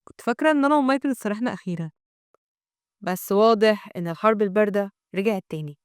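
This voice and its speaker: A woman's voice: mid-range voice, racing, clean tone, no echo, clean studio sound, natural voice. A woman with an Egyptian Arabic accent voicing a caring, fussy young woman guardian, reading her lines in a doting way.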